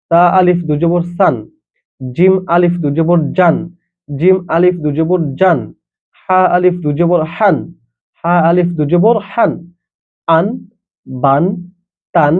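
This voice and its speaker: A man with a fairly high voice teaches Quran reading at a very slow pace, spelling out each letter and vowel mark and repeating every syllable. He sounds patient and methodical. The recording is tinny and narrow, like a phone line.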